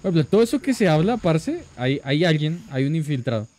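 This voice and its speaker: A man's voice: on the high side, very animated, fairly quick, warm tone. Chatty man streaming live. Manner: chatty, greets and thanks viewers by name. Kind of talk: casual live-stream chat.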